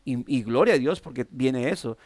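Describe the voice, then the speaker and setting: Earnest Colombian pastor, dry sound. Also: male voice, medium pitch, expressive, darkish tone, dry recording. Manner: halting, many restarts and fillers, earnest. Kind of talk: devotional sermon.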